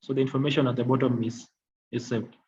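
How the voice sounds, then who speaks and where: A technical trainer demonstrates software, explaining things haltingly and repetitively in a level, mid-range voice. The audio is dull and lo-fi with faint noise.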